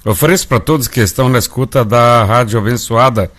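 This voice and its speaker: This radio host is a Brazilian man whose medium-pitched, fairly bright voice moves at a fairly quick pace. Speaking with a Brazilian Portuguese accent, he runs a live gospel show in a folksy style, treating listeners as family.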